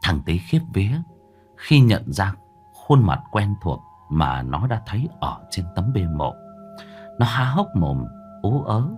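A man narrating a horror story in a dramatic, suspenseful manner, slowing down for tense moments. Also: low-pitched, very animated. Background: soft background music.

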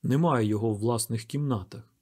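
A man's voice: mid-range voice, a little fast, a little mellow, husky, lightly acted. A man reading an audiobook, voicing a young man asking questions, mildly irritated. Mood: puzzled. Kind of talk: audiobook character voice.

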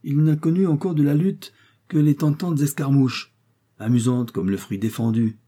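A man's voice: fairly high pitch, moderate pace, mellow, pitched above the performer's own voice, natural voice. A man voicing a middle-aged aristocratic father who pleads emotionally, in a raised voice. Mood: wistful.

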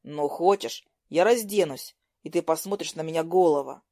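A woman voicing a cocky, teasing teenage boy who talks low and sly. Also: normal speed, darkish tone, no room sound, studio quality, lightly acted. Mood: sly, defensive.

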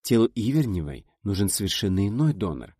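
A man reading a novel aloud as an audiobook narrator, expressive and voicing each character. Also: on the low side, a little fast, breathy edge, no room sound, studio quality.

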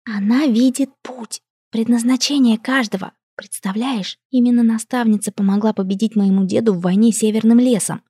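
A woman voicing a playful, teasing young elf princess with a lighter, higher voice, in a dry, close audiobook reading. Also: fairly even intonation, normal speed, husky, no room sound. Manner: bright, teasing, laughing.

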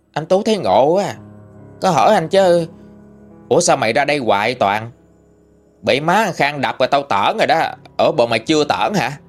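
A man with a Southern Vietnamese accent tells a ghost story in a folksy, homespun manner. His voice sits mid-range but swings up and down with lively expression. Faint music plays underneath. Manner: folksy, animated retelling with lively pitch swings.

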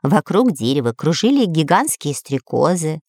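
A woman voicing an anxious, excitable male parrot servant in a storybook reading, making excuses. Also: low-pitched, normal speed, no room sound, clean studio sound, exaggerated voice. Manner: fussy, justifying himself.

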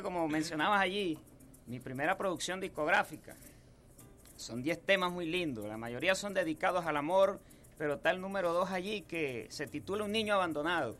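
This guest is a man in his thirties from Apure, Venezuela, whose llanero accent colors the homespun tales he shares in a radio studio booth. The interview is relaxed storytelling, and his voice is slightly high with a fairly bright tone.

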